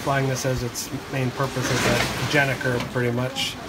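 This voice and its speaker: A man on a catamaran deck at sea, casually explaining how the sail flies, relaxed and unhurried. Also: mid-range voice. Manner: relaxed, gesturing while explaining. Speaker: sailing crew member. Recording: loud wind and sea noise outdoors.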